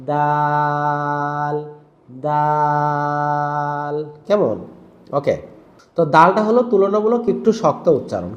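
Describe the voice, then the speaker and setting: A man's voice: high voice, lo-fi sound. A man teaching Quran pronunciation, patiently explaining letters and often checking that viewers follow. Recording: roomy echo.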